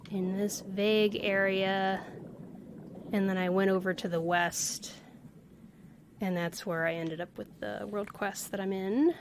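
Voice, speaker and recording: This game streamer's voice sits at a medium pitch with a creaky texture. She muses casually and exclaims playfully over game music and some background noise.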